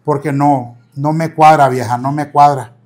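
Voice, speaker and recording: A man's voice: a little high, fairly even intonation, normal speed, a little mellow. A man playing a fretful, talkative husband in a comic sketch. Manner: fretful, talkative, uses voseo.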